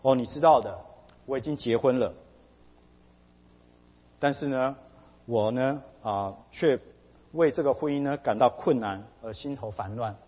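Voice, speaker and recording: A man quoting, in his own husky voice, a troubled married woman who anxiously asks a pastor for help, recorded dull with a long hall reverb. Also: mid-range voice, measured pace, pauses often, lightly acted. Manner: anxious, hesitant pleading.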